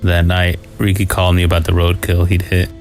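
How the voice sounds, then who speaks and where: A man reading a scripted first-person scary story in a low, haunting, somber manner. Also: completely flat delivery, fairly quick, darkish tone. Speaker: horror story narrator. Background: music.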